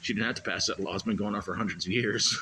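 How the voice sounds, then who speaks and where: A man's voice: fairly low pitch, fast, bright, forceful tone. A man co-hosting a casual comedy podcast, rambling and stammering through stories and laughing at his own jokes. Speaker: co-host. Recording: noisy room recording.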